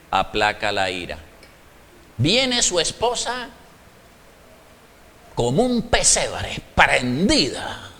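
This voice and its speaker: A male preacher, his voice high and sharp-edged, delivering a sermon at an unhurried pace. He acts out small dialogues, swinging his tone up and down as he plays them out. The sound rings with long reverb, as in a large hall. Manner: animated, acts out little dialogues with shifting tones.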